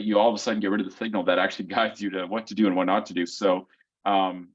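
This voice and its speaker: A man's voice: fairly low pitch, lo-fi sound. A man co-hosting a community Q&A call, explaining things step by step and often checking in with "right?". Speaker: co-host of a foot health community call. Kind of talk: casual explanatory Q&A answers. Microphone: video call.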